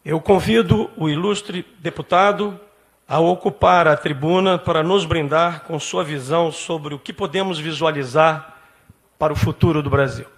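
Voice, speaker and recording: A man's voice: a little high, moderate pace. A man hosting an event who reads a formal introduction of the main speaker.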